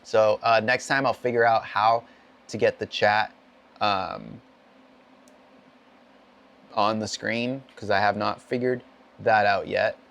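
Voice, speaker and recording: A man streamer with a hoarse voice and a cough, rambling in upbeat, self-deprecating chat as he wraps up a racing stream from his home gaming setup. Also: fairly low pitch, fairly even intonation, takes it slowly, long pauses, a bit bright. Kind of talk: casual end-of-stream chat.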